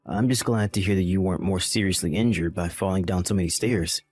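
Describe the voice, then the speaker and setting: A man's voice: low-pitched, a little fast, darkish tone, faint music behind, natural voice. A man voicing a callous, dismissive husband. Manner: dismissive, irritated, belittling. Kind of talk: voice-acted text-message drama.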